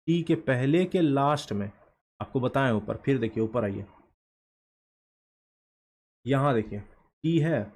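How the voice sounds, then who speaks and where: A man teaching a shorthand lesson in a classroom style, asking questions and answering them himself, repeating words slowly for emphasis. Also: medium pitch, a little mellow.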